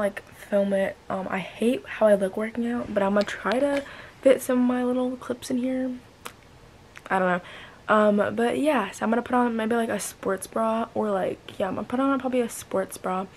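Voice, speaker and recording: Vlogging daily, a roughly 13-year-old girl rambles casually to camera, often ending thoughts with "but yeah." Her voice is medium-pitched. Recorded handheld at arm's length in her bedroom or occasionally a car, the audio has clear background noise.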